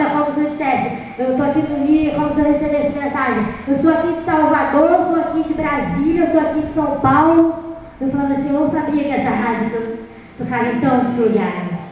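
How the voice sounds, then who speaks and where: High-voiced woman preaching in echoey church. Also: a little hiss or hum. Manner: lively storytelling, acting out dialogue. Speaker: guest preacher. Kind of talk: sermon testimony. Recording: echoey church hall from far off.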